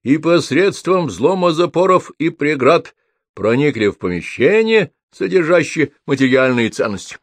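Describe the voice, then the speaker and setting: A man playing a loud, barking young police officer. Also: a little high, sing-song, normal speed, dry recording, pitched above the performer's own voice. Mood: dictating.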